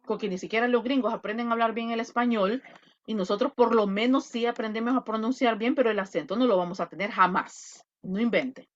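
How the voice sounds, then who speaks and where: A woman with a Salvadoran accent gives an online English lesson in a slightly high voice. She is blunt and emphatic, full of animated asides. The audio is dull and lo-fi, like a video call. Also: fairly quick. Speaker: English teacher. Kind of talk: online class lecture.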